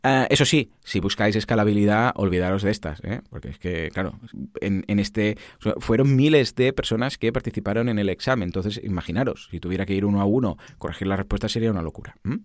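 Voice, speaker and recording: A man in his thirties, explaining software in a casual, animated way full of tag questions and examples. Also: lowish voice, quick pace, no room sound, clean studio sound. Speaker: podcast host explaining software.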